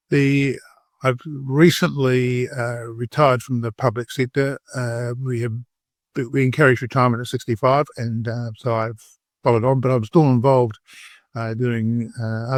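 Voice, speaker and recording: A man's voice: medium pitch, a little mellow, no echo. A man in his sixties with a New Zealand accent, a surgeon interviewed about his work, speaking hesitantly with many fillers and restarts. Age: 60s. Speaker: colorectal surgeon, guest. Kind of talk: conversational interview.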